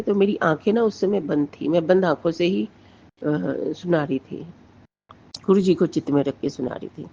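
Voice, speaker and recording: A woman's voice: fairly low pitch, gravelly, dark tone, husky, muffled recording. A middle-aged woman earnestly recounting a personal devotional experience to a listener, dropping into Punjabi when she quotes herself. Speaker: devotee sharing her experience.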